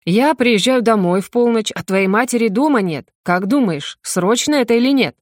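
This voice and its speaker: A woman's voice: on the high side, animated, normal speed, no room sound, pitched above the performer's own voice, lightly acted. A woman voicing a strict father who speaks curtly and dryly. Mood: stern. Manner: strict, dry. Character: stern curt older man, a father.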